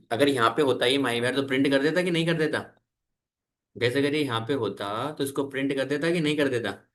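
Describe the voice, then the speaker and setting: A man's voice: mid-range voice, moderate pace. A man teaching a programming class, asking his students questions and waiting for their answers. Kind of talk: classroom coding lesson.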